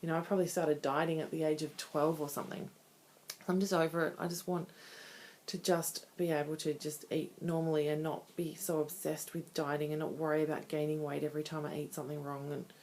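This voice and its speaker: A woman's voice: low voice, level tone, a little fast, a little mellow, a little hiss or hum. A woman in her thirties talking candidly and conversationally in a casual personal video diary. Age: 30s. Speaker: vlogger.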